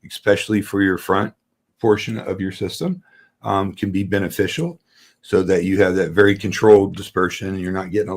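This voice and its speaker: A man with a notably low voice talks through his advice in a relaxed, rambling way. He leans on fillers and casual asides as he chats on a livestream. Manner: loose, filler-heavy explaining with "you know" and "man". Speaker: acoustics company guest.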